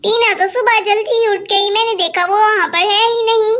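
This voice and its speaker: A fretful little girl doll in a homemade doll story, voiced by a woman. Her voice sits very high and shines bright, with a worried, calling tone. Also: fairly even intonation, moderate pace. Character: young girl doll, anxious and searching.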